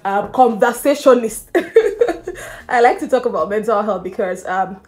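A woman's voice: on the high side, lively intonation, a little slow, a little mellow. Young woman vlogging, kinda nervous and a little out of breath, chatty, laughs a lot. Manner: chatty, laughs often, emphatic. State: slightly out of breath. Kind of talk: casual talk to camera.

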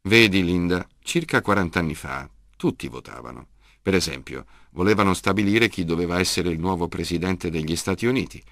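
Brief: gravelly stubborn old grandfather, read by a male narrator, deep and rough. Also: a little fast, fairly bright tone, no echo, studio quality. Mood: patient. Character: gruff grandfather, older man, stubborn and loud. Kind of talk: audiobook character reading.

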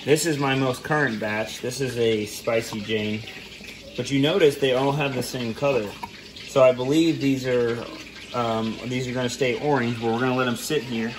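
A man co-hosting a casual pepper-eating vlog, explaining in a halting, rambling way. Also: medium pitch, fairly even intonation. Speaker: co-host of a pepper eating channel. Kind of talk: casual chat. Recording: echoey room, faint noise.

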